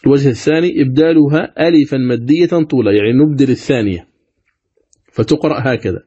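A man giving a Quran recitation lesson, explaining step by step and chanting examples with long, drawn-out vowels. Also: medium pitch, mellow, husky. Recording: dull lo-fi recording.

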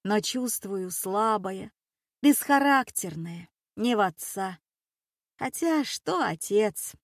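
A woman's voice: mid-range voice, expressive, slow pace, no echo, studio quality. A woman reading a stern, bitter elderly grandmother in an audiobook, speaking bluntly and reproachfully. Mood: grieving. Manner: gruff, reproachful, plain-spoken. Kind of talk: audiobook character voice.

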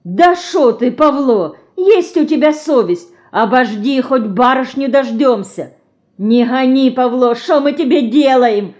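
A woman's voice: high voice, lively intonation, unhurried, darkish tone, pitched above the performer's own voice. A woman as tearful pleading peasant women.

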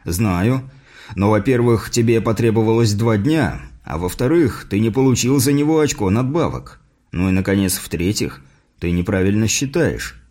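A man voicing a patient male mentor in an audiobook, explaining things in a measured way. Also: fairly low pitch, animated, a little mellow. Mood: instructive.

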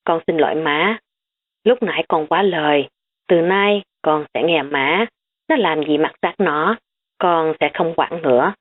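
A woman's voice: fairly low pitch, expressive, normal speed. A woman voicing a strict, worn-out middle-aged mother who snaps at her son. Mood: weary. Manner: sharp then tired. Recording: tinny phone-like recording.

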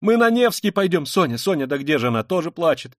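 Male reader playing a haughty consumptive noblewoman on the edge of hysteria; pitched well up, shrill, in a dry audiobook read. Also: sing-song, quick pace, dry recording. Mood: frantic. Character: feverish consumptive impoverished noblewoman, proud and hysterical.

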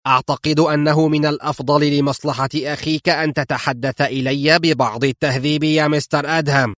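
A man's voice: mid-range voice, normal speed, no room sound, studio quality, natural voice. A man reading an audiobook and voicing a cunning, smug old male villain in a wheelchair. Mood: sly, smug. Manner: smug, mocking, theatrical.

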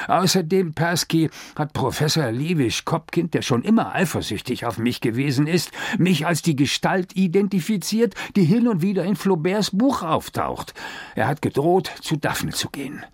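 A man's voice: mid-range voice, husky, no echo, studio quality. A man voicing an anxious, agitated married professor in a spoken storybook.

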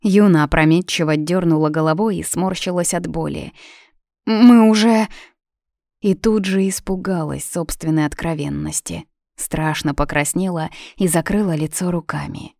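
A woman narrating a fairy tale in a calm, even storytelling manner. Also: sits low, moderate pace, creaky, dry recording, studio quality.

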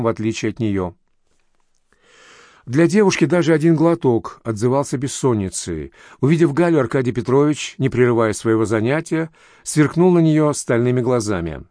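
Male audiobook reader, mid-pitched, steady, dry close recording. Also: dry recording. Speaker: narrator. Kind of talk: audiobook narration.

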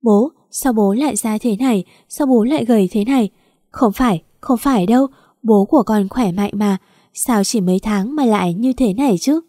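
A woman's voice: a little high, normal speed, mellow, dry recording, clean studio sound, lightly acted. A woman voicing an unhappy young wife, tearful and pleading.

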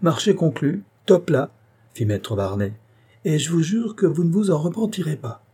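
A man voicing a boastful, hearty middle-aged provincial notary, talking in quick exclamations. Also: on the high side, big pitch swings, dark tone, slightly rough, pitched above the performer's own voice. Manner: hearty, exclamatory, self-satisfied.

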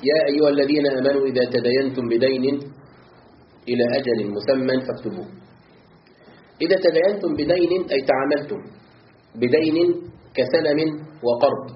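In a roomy, dull lo-fi recording with a little background noise, a medium-pitched man leads a class on Quran commentary. He works through the text phrase by phrase and puts questions to his students.

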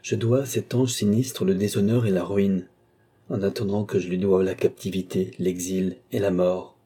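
A man's voice: low-pitched, steady tone, normal speed, dark tone, slightly rough. A man reading an audiobook, voicing a tormented male sorcerer torn between love and ambition, declaiming in passionate murmurs and outbursts. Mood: brooding.

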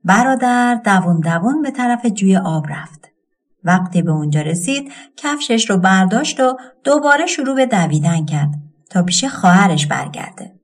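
A woman narrating a folk tale audiobook with an expressive storytelling cadence. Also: mid-range voice.

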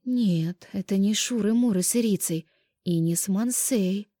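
A woman's voice: medium pitch, measured pace, mellow, no echo, clean studio sound, close to an everyday voice. A woman reading an audiobook voices a frightened young pregnant woman, whispering breathlessly and shakily.

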